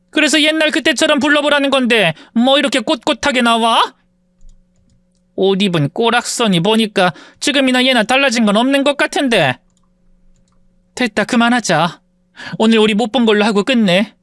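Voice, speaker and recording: A woman voicing an arrogant, spiteful rich middle-aged woman who bullies and insults in an audio story, in a dry close recording. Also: no room sound. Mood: taunting. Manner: sneering, insulting, shrill when shouting.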